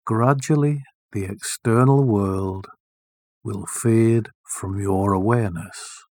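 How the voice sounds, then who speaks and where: A man leading a guided meditation, speaking softly and soothingly with long, deliberate pauses. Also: on the low side, dry recording, studio quality.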